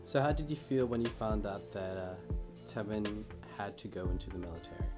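A woman interviewer asking questions off camera, steady and with occasional ums. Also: rumbling low, fairly quick. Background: background music.

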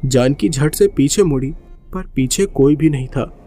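A man narrating a horror story in a steady, suspenseful way. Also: fairly high pitch, a little slow, soft background music.

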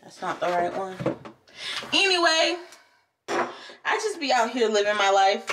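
A woman's voice: fairly high pitch, pushed and bright, far from the mic, slight background noise. A young adult woman chatting casually to her viewers as a beauty vlogger, playful and rambling, laughing often. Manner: talks with her eyes closed. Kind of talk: casual chat to camera.

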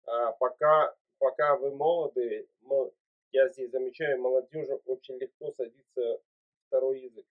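Chatting over a video call from a small room at home, an Uzbek man in his forties encourages the listener in a fatherly way. He speaks at a moderate pace in a steady, medium-pitched voice, captured by a webcam mic that sounds tinny and phone-like.

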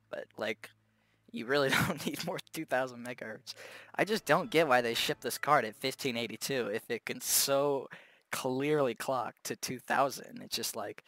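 A man's voice: medium pitch, fairly bright tone, dry recording. Laid-back young man talking tech. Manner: laid-back and chatty, with many fillers and mild swearing. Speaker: tech video host. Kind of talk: casual unscripted tech commentary. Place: home gaming setup with loud fans.

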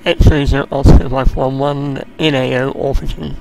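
A man's voice: medium pitch, flat delivery, moderate pace, gravelly, low-quality recording. A man playing a helicopter pilot in a military game, making brief, businesslike radio calls. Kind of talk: military radio procedure chatter.

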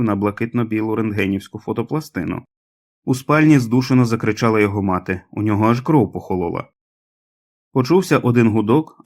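A male audiobook narrator reading in a measured, dramatic way. His voice sits at an ordinary middle pitch for a man. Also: darkish tone. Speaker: audiobook reader.

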